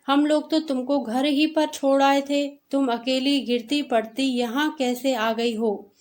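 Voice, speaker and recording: A woman voicing a frightened, grieving young boy in a read-aloud story, speaking slowly in a high voice. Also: steady tone, a little mellow. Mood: pleading.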